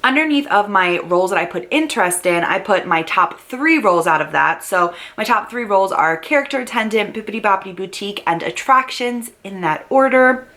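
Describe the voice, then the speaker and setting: A young adult woman vlogs to camera, upbeat and animated, working through her prepared notes a little fast with hardly any pauses. Her fairly bright voice lifts in pitch as each new point begins.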